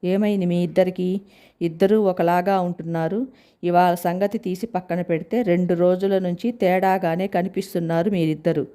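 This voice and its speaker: A woman reading a story aloud and voicing a stern, commanding older mother in a low, mellow voice. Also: steady tone, moderate pace, smooth, close to an everyday voice. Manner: firm, commanding.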